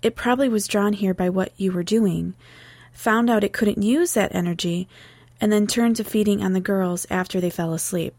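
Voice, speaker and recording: A male narrator voicing a young woman, a blunt psychic student, in a raised, high voice. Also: fairly even intonation, normal speed, creaky, darkish tone, no echo. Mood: explaining. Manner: high put-on voice, blunt and commanding.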